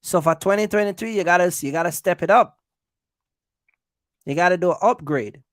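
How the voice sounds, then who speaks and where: Talking straight to viewers on his casual trucking business livestream, a man hands out business advice with emphasis and lots of repetition. He sounds high-pitched and brisk, recorded in studio quality with no room sound.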